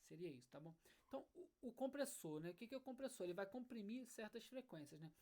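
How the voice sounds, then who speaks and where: A woman's voice: medium pitch, expressive, quick pace, warm tone. A woman teaching an online music lesson, explaining step by step and checking in with her students. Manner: explanatory, checks in often with "né?" and "tá bom?". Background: faint acoustic guitar.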